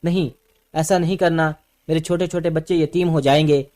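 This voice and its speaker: A man's voice: a little high, fairly even intonation, darkish tone, natural voice. A man voicing a frightened husband pleading for mercy. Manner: begging, pleading.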